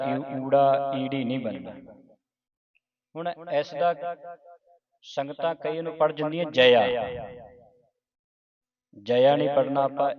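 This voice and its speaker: A man teaching the pronunciation of scripture, patiently repeating each point and slowly chanting verses between his explanations. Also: mid-range voice. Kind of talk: step-by-step recitation lesson. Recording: muffled, distant with crowd behind.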